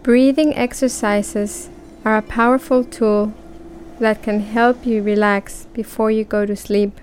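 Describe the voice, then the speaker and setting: A woman guiding a relaxation breathing exercise, speaking calmly and counting breaths aloud with long pauses. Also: fairly high pitch, slight background noise. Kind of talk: guided relaxation script.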